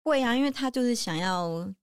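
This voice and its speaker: A woman's voice: fairly high pitch, animated, brisk, clean tone, no echo, studio quality. A woman with a Taiwanese Mandarin accent, chatting casually as a podcast host. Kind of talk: casual chat.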